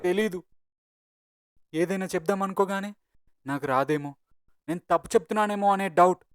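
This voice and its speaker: A man's voice: high voice, smooth, no echo, studio quality, natural voice. A young man playing a frustrated jobseeker who doubts himself after failing an interview. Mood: troubled. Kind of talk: short film acting.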